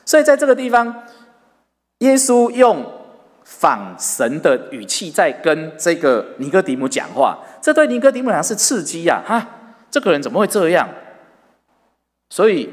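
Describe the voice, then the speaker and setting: A man preaches with a slightly raised pitch and an animated, rising and falling delivery. He tells the story and keeps turning to his listeners with questions. His voice trails off in a long, reverberant hall. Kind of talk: sermon.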